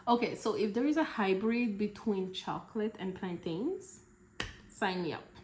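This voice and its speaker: A young woman from Cameroon answering questions in a relaxed, chatty vlog, laughing between answers. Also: medium pitch, unhurried, roomy sound, a little hiss or hum. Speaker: vlogger. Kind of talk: casual Q&A vlog.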